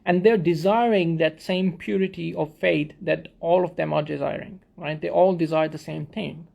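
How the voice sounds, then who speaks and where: A man's voice: on the high side, fairly even intonation, normal speed, vocal fry, a little mellow. A man from Pakistan explaining a theory in a thoughtful talk, often restarting and repeating words as he searches for phrasing. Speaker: video essayist.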